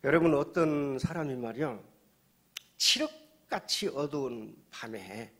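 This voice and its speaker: A man, a pastor, preaching a sermon, swinging from hushed storytelling to loud shouting and acting out the dialogue of his stories. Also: mid-range voice, lively intonation, measured pace, husky.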